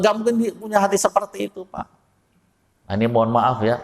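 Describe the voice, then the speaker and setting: A man's voice: fairly low pitch, vocal fry, long reverb tail. A Javanese man preaching a folksy study sermon to his congregation, often putting questions to the audience. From Java. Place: mosque hall.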